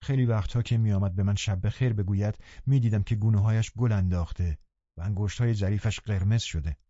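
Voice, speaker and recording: A man narrating a novel in a calm, measured way, his voice dark and mellow. The sound is dry and close, slightly dull and muffled. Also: fairly low pitch, no echo. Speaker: audiobook narrator. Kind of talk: scripted narration.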